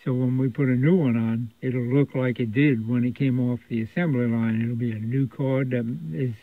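Presenting a repair video from an indoor electronics workshop, a radio repair technician talks casually and without a script at his workbench, explaining in a loose, rambling way. His voice is medium-pitched and steady in tone, at a moderate pace. The sound is thin and phone-like, with no echo.

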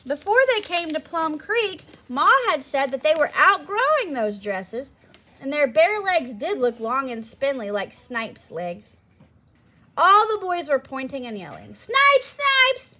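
A woman reads a children's novel aloud with expressive storytelling. Her voice sits high and bright, and her pitch moves a lot. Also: measured pace. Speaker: storybook reader.

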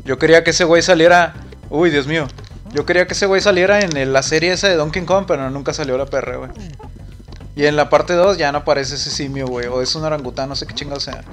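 A young man with a Mexican accent talks loosely while he streams a game. His voice sits a little high, and he rambles with plenty of swearing and "güey" in nearly every line. Faint game music plays underneath. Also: fast, fairly bright tone. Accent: Mexican Spanish. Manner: rambling, profane, says "güey" constantly. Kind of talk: casual chat while gaming on a live stream.

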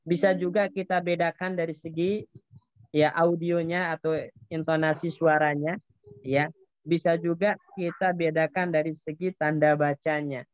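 A man's voice: a little high, little pitch movement, moderate pace, clean tone, no room sound. Patient male Arabic teacher, lo-fi. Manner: patient, explains step by step, asks students questions. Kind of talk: online Arabic grammar class.

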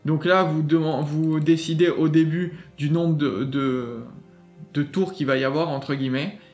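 A man's voice: fairly high pitch, steady tone, unhurried, darkish tone, soft background music. A man hosting a gaming channel, walking through a website in a chatty, enthusiastic way with many fillers and restarts. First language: French. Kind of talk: casual screen walkthrough.

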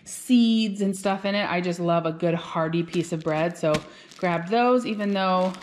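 A woman's voice: lowish voice, a little slow, a little mellow, a little hiss or hum. Chatty upbeat woman vlogging. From Alaska. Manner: chatty, upbeat, talks straight to viewers. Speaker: vlog host. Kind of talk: casual shop-with-me vlog chat. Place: car, then home kitchen.

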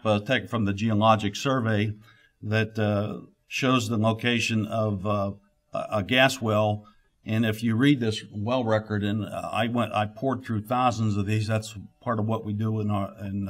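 Halting middle-aged man giving a keynote. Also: fairly low pitch, steady tone. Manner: halting, frequent "uh" fillers and restarts. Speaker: keynote speaker, exploration geologist. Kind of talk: conference keynote talk. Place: conference room, at a podium. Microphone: podium microphone.

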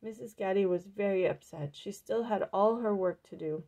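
Casting note: woman storyteller reading a picture book aloud, gravelly and creaky, mid pitch. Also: normal speed, warm tone, slight background noise.

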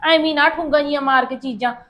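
A woman's voice: high-pitched, steady tone, rapid-fire, bright, forceful tone. An actress playing a thrifty middle-aged mother-in-law who scolds in a lecturing way, with a Punjabi accent. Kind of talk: short-film acting.

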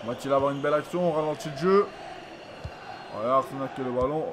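A man commentating his own football video game match, excitable and repeating his exclamations, sounding freshly woken up. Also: medium pitch, fast talker. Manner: excitable, repeats phrases, lots of ooh-la-la exclamations. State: just woke up, yawning. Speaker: gaming YouTuber. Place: home room at a computer. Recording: noisy home recording.

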